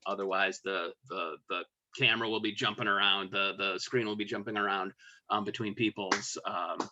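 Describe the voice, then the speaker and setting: Host, man, halting delivery with lots of ums, sharp bright tone, dull lo-fi call audio. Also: medium pitch. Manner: halting, many fillers. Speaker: event host. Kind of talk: introduction. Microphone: video call.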